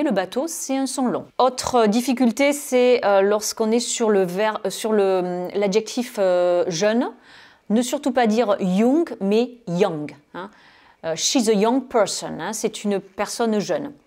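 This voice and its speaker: Woman from France, English pronunciation teacher, video lesson, mid-pitched voice, patient explaining, lots of fillers. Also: a little slow, darkish tone. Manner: explanatory, frequent fillers and tag "hein".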